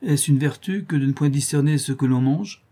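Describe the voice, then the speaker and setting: Fussy old uncle, plaintive, a bit higher than the narrator's own dark tone , read by a man. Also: moderate pace, breathy edge. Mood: indignant. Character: fussy old uncle, retired teacher, fond of food.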